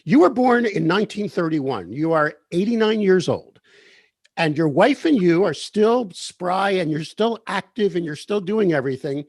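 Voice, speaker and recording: A man's voice: high voice, lively intonation, normal speed, no echo. A man hosting an interview, leading his guest with friendly questions that seek confirmation. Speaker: interviewer, host. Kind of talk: conversational interview.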